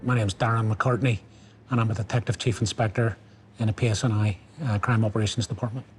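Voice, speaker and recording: A man, a detective chief inspector, recalling being called in, brisk and matter-of-fact in a documentary interview. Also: on the low side, fairly even intonation, a little mellow, faint music behind.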